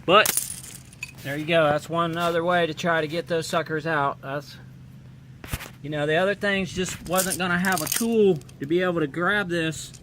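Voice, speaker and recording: A man's voice: fairly high pitch, steady tone, normal speed, fairly bright tone. A man explaining a repair step by step in casual, plainspoken talk, recorded on a handheld camera. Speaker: vlogger and truck driver. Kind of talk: casual how-to narration. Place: inside a semi truck cab while driving. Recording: noisy truck cab, road noise. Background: truck engine and road noise.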